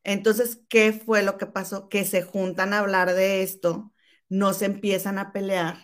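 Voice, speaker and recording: A woman in casual gossip chat, animated and calling her listener comadre. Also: mid-range voice, measured pace. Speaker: co-host.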